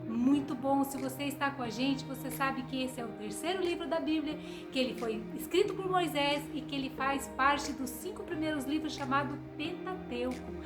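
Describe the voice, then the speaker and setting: A woman with a Brazilian accent and a bright, sing-song welcoming delivery, presenting Bible stories to children. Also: high voice. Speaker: host of children's Bible story show. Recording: loud music behind. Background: loud music.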